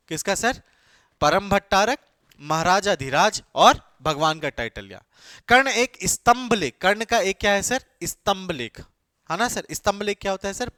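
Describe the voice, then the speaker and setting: A man's voice: sits high, bright, forceful tone, no echo, studio quality. A male teacher giving an exam-coaching lecture. He keeps asking his class questions and answering them himself, mixing English terms into his talk. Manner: mixes English terms into Hindi.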